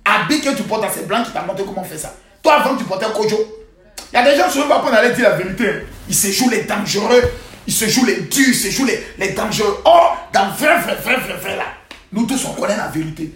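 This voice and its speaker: Man, high-pitched, preachy live-stream scold, phone mic in an echoey room. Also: animated, a little fast. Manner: preachy, scolding rants with loud outbursts and sudden quiet asides. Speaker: livestream host. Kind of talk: live social-media monologue. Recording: roomy echo.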